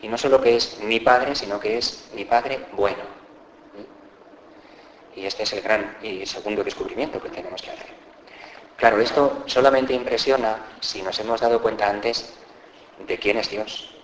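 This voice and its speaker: A man's voice: lowish voice, steady tone, moderate pace, roomy sound, a little hiss or hum, poor audio. A man from Spain, a parish priest with a Peninsular Spanish accent, giving a Lenten talk in a conversational preaching style, repeating key phrases and often checking in with his listeners. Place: church.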